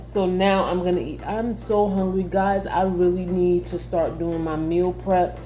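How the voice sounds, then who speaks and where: A woman talks casually to her camera as a vlogger. Her voice sits a little low and has a dark, relaxed tone. She speaks in a loose, conversational way, with faint music behind her. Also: measured pace. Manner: conversational, frequently saying "like".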